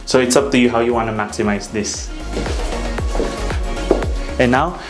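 A man in his thirties from the Philippines, working as a real estate broker, tours a bright, vacant townhouse and highlights what each room offers in a polished way. His voice sits at medium pitch with fairly even intonation and normal speed, with faint music in the background.

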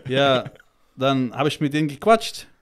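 A man guesting on a podcast talks in a medium-pitched, expressive voice, a little slowly. He's a child-protection activist, and his casual chat is blunt, crude, and heated, packed with slang and swearing as he keeps saying "Alter."

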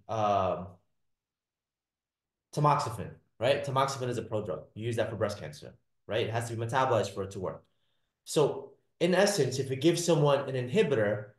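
A man's voice: mid-range voice, echoey room. A man teaching a class, repeating his points and checking in with the students with "all right?" and "does that make sense?". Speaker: lecturer. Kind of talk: classroom lecture.

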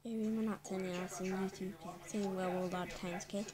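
Excitable young woman, crowd noise behind. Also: medium pitch, quick pace. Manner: excitable, playful, repeats exclamations and sings silly rhymes. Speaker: player commenting on a sibling's game. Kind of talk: casual gaming chat.

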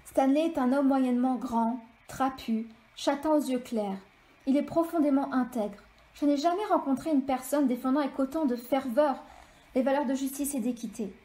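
A woman author reading an extract of her novel aloud in steady, measured storytelling. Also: high-pitched. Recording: echoey room.

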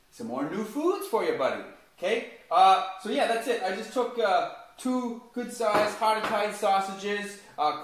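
A man with a high-pitched, fairly bright voice hosts a home cooking video, chatting through each step and talking to his toddler son. A camera mic some distance away picks him up in a very echoey kitchen with faint noise.

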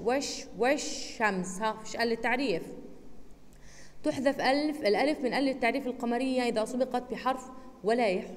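Slow-drilling Jordanian teacher, woman, echoey. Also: fairly high pitch. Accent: Jordanian Arabic. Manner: slow, deliberate syllable-by-syllable drilling. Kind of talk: recorded online lesson.

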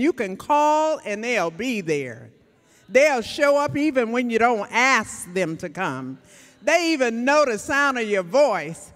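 An older woman, an associate minister, preaching a sermon from a church pulpit into a handheld microphone, speaking to the congregation. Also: on the high side. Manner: preaching with call-and-response asides to the congregation. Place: large church sanctuary, standing at the pulpit. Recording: church sanctuary reverb with faint music.

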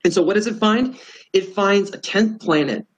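A man's voice: high voice, normal speed, low-quality recording. A man presenting in a casual lecture, earnest and emphatic, often restarting words.

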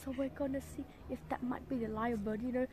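A woman's voice: high-pitched, steady tone, fast talker, background noise. A woman chatting casually and joking around on a forest walk. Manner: playful, joking. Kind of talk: casual chat.

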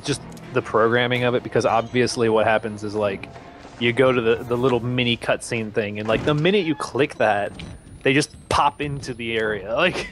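A man's voice: medium pitch, steady tone, moderate pace, a bit bright. A man co-hosting a horror game let's-play, laughing a lot and rambling through his comments. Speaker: co-host. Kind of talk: casual let's-play chat. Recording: faint background noise.

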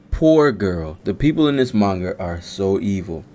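A low, somewhat dark-toned male voice belongs to a manga reaction streamer in his thirties. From a small indoor setup and close to a desk-arm microphone, he reads panels aloud while riffing in casual, slangy, profane live commentary.

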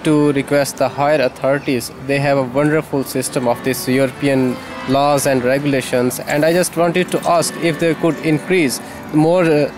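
Formal Pakistani man over music. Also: medium pitch. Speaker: doctor. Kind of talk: documentary interview. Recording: loud music underneath.

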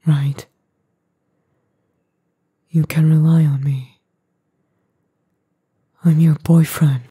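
A woman voicing an edgy young boyfriend, gruff but tender and worried, in a breathy, husky, halting ASMR role-play. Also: sits low, dark tone, no room sound, clean studio sound, exaggerated voice. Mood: hurt, frustrated.

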